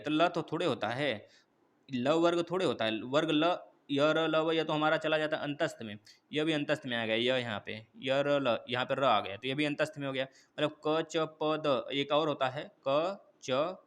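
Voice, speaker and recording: A man's voice: medium pitch, fairly bright tone. A man teaching an exam-prep quiz class, going through questions one by one and coaxing viewers for answers. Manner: repetitive, coaxing, addresses viewers as friends.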